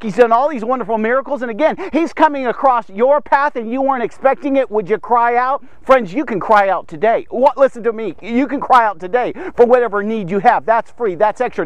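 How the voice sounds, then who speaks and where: A man with a strikingly high voice hosts a daily Bible devotional. He teaches in a loose, joking, conversational way, often repeating words to drive a point home. The recording sounds dry, with no room echo. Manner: energetic, jokey and conversational, with many asides to listeners. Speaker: devotional podcast host.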